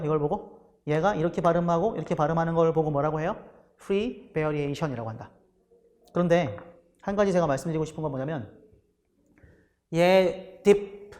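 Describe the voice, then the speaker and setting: A man teaching a lecture class in a high, bright voice. He keeps asking questions and answering them himself. A long reverb fills the room around him. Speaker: English teacher for exam prep. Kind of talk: recorded lecture.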